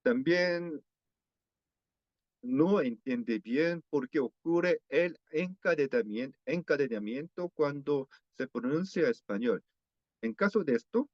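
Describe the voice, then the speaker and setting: A man with a Korean accent lectures slowly and carefully, stopping to restart words and repeat examples. His voice sits a little high. The sound is dry and somewhat dull, like a lo-fi online session. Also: expressive, dry recording. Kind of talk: academic lecture on pronunciation.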